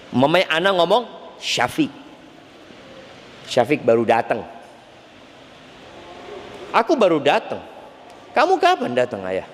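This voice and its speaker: Animated Indonesian preacher man in a hall. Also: high-pitched. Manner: lively, animated preaching with Arabic recitation. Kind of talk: Islamic sermon lecture. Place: station venue hall with crowd ambience. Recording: reverberant hall, faint background noise.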